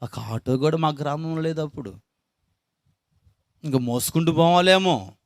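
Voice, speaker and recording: A man's voice: lively intonation, normal speed, no room sound, clean studio sound. Emotional man giving a testimony. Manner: emotional, voice rising high when moved. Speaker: pastor. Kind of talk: spoken testimony.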